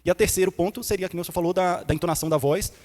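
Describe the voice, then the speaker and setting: A man with a high voice talks very quickly as he makes a lively comment in a church class, ticking off his points one by one. A long reverb trails his words. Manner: lively, fast talker listing points. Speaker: course participant.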